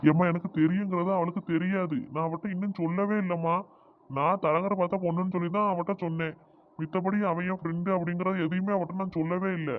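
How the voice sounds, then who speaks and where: A man voicing a soft-hearted middle-aged village brother in a cartoon, pleading. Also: high voice, little pitch movement, fast, lightly acted. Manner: pleading, placating. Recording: tinny phone-like audio with faint noise.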